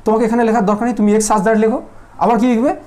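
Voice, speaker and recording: A man's voice: high voice, little pitch movement, fast talker, a little mellow. A man teaching math in a casual classroom lecture, teasing his students and constantly asking if they follow. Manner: teasing, asks students constant check questions. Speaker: mathematics teacher.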